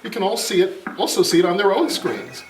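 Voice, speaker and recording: During an informal live tech demo, a high-voiced man speaks fairly quickly, exclaiming and getting sidetracked into distracted asides. The setting is a noisy, echoey room picked up by a distant mic, with clattering throughout.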